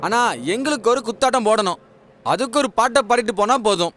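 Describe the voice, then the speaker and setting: A man's voice: very high voice, quick pace, a bit bright, in a large hall. A man dubbing a film role as a pushy, playful young college student. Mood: teasing.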